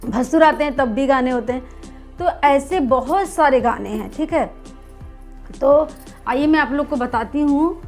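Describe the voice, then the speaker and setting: A woman with a high voice teaches dholak in a chatty, encouraging way. Her throat is slightly sore. Faint dholak drumming sounds behind her. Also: darkish tone. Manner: chatty, encouraging, counts beats aloud. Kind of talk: casual music lesson.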